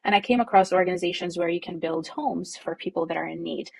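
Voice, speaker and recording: A woman from Jordan speaking in an interview with a low, husky voice and a gravelly edge. She talks reflectively, with fillers and quiet laughs. The recording is dry and close. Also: quick pace, dry recording. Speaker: nonprofit co-founder, guest. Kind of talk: conversational interview.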